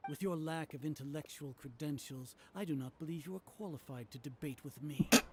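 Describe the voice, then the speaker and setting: A man's voice: on the high side, fairly quick, slight background noise, lightly acted. An actor voicing a haughty older male scholar leader in a dubbed game, lecturing with contempt. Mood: contemptuous. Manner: condescending, lecturing.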